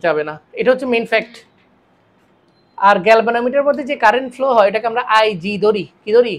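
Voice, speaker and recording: A tired woman lectures a physics class at a quick clip. Her voice sits fairly high, and she keeps firing questions at her students before answering them herself. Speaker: physics teacher. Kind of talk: classroom lecture solving circuit problems.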